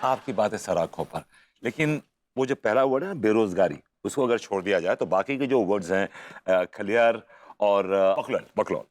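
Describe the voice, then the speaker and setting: A man's voice: on the low side, lively intonation, normal speed, lightly acted. An actor playing a jobless, flirtatious neighbor who is sarcastic and mixes English into his Hindi. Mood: flattering.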